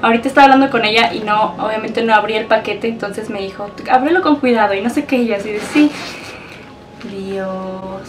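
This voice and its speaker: A woman's voice: fairly high pitch, fairly even intonation, fast, few pauses, distant mic, slight background noise, rough recording. A young woman with a Mexican accent, gushing and emotional as she unboxes a package for her vlog. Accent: Mexican Spanish. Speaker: beauty vlogger.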